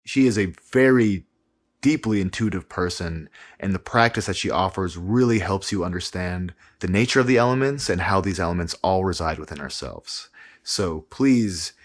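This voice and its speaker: A man hosting a podcast, giving a calm, earnest introduction of a guest teacher. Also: sits low. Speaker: podcast host. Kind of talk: scripted introduction.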